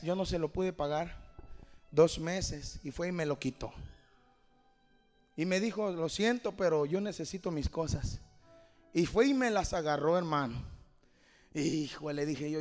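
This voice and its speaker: A man pastor preaching a sermon, moving from quiet talk to shouted fervor and often calling the listener "mi hermano". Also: sits high. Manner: peppers lines with "mi hermano". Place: church hall. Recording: long hall reverb.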